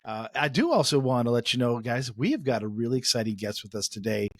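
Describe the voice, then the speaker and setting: A male podcast co-host with an upbeat, rambling delivery full of "uh"s and restarts. His voice sits at an ordinary middle pitch, and the recording is dry and close with no room sound around it. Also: expressive, quick pace, no room sound. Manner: upbeat, rambling with many fillers. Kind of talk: casual interview chat. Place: United States.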